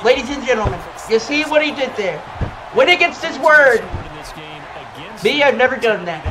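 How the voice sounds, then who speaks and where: A man commentating his own football video game match with loud, cocky, playful trash talk. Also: very high-pitched, lively intonation, moderate pace, music in the background, poor audio. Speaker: gamer.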